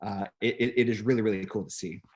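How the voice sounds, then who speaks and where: An upbeat man talking as a guest on a casual video call, enthusiastic and quick to laugh, often repeating words. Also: on the low side, a little mellow.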